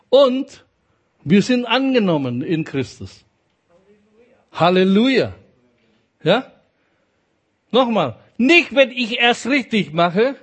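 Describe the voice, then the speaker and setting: Slow, emphatic preacher, fairly high voice. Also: male voice. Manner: emphatic, repeats key phrases, asks the congregation "ja?". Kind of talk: sermon.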